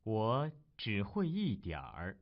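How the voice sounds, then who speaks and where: A man reading the part of a learner in a slow textbook dialogue, articulating each word carefully. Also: on the low side, wildly swooping pitch, exaggerated voice. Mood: plain. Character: adult male learner named Tim. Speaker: dialogue reader. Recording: dull lo-fi recording.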